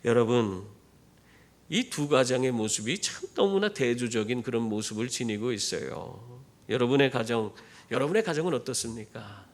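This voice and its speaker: In church, a pastor preaches a sermon through animated storytelling, putting rhetorical questions to the congregation. His voice is mid-range and he speaks at a normal speed.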